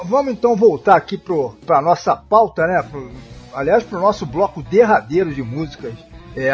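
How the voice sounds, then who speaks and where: A man hosting a radio music show, introducing tracks in a relaxed, conversational way. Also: a little high. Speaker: radio host. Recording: muffled sound with faint music.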